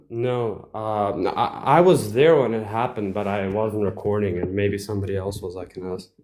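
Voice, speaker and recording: A man's voice: on the low side, normal speed, a little mellow. A young Bosnian man, a non-native speaker, chatting casually as a livestream guest, hesitant and full of fillers and restarts. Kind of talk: casual chat.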